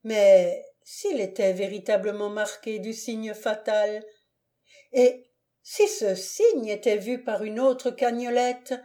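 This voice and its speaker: Slow, mellow woman narrator. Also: medium pitch, steady tone. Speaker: audiobook narrator. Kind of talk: scripted narration of a classic novel.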